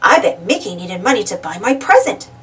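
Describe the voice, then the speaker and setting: A woman voicing an excitable, self-centred male cartoon duck from a storybook, exclaiming and wondering aloud eagerly. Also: medium pitch, a little fast, far from the mic.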